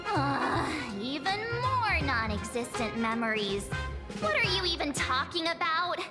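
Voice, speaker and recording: An actress voicing an excitable young companion in a game, bouncy, dramatic and a bit whiny. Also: female voice, sits high, measured pace. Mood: puzzled. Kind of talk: game voice acting. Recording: game audio over loud music.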